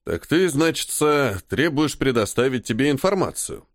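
In a clean studio recording with no echo, a man with a medium-pitched, expressive, fairly ordinary voice reads an audiobook at a moderate pace. He plays a stern, ironic army colonel who scolds a subordinate, sounding irritated and weary. His delivery is sarcastic and commanding, broken by tired sighs.

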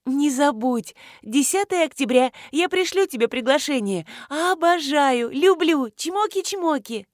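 A woman's voice: normal speed, few pauses, no room sound, clean studio sound. Chirpy gushing bride friend, as a woman reads her. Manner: gushing, chirpy, high and excited.

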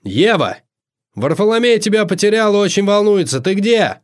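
A man's voice: a little high, lively intonation, a little fast, pitched above the performer's own voice, lightly acted. A man voicing a theatrical male host of a party of nonhumans, announcing in a raised, showy voice.

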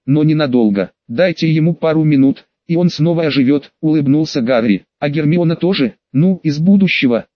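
A man's voice: fairly high pitch, dry recording, dull audio. A man reading an audiobook aloud as narrator, voicing the characters' lines in his own reading voice. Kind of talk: scripted narration.

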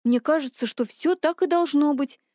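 A woman's voice: high voice, normal speed, dark tone, no room sound, studio quality, close to an everyday voice. A woman voicing a dazed teenage boy who speaks in a sluggish, bewildered way.

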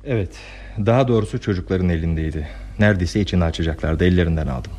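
An actor playing a polite, reserved, honest stranger in a classic radio play. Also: male voice, deep voice, fast, a little mellow. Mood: modest, polite. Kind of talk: 1960s Turkish radio theatre acting.

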